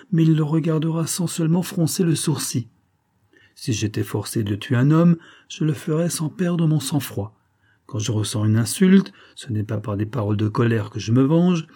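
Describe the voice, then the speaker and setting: A man's voice: medium pitch, warm tone, natural voice. A male reader voicing a cold, scheming middle-aged major in an audiobook, menacing but controlled. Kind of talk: audiobook character reading.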